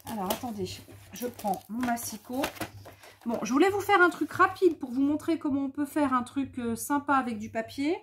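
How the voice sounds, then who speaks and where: A woman's voice: high-pitched, animated, normal speed, slight background noise. A tired woman hosting a scrapbooking video, thinking aloud and teasing herself playfully as she works. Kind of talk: casual craft demonstration.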